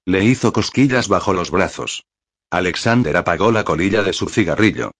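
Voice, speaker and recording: A man narrating a novel as an audiobook, reading in a calm, measured way on a close mic. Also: low voice, breathy edge. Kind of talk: scripted narration.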